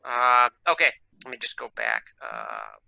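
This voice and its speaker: A man's voice: medium pitch, huge pitch swings, a little slow, gravelly, pushed and bright, dry recording, muffled recording. A man teaching an electronics class over a video call, talking casually and thinking aloud as he works the screen share. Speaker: electronics instructor. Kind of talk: live online class lecture.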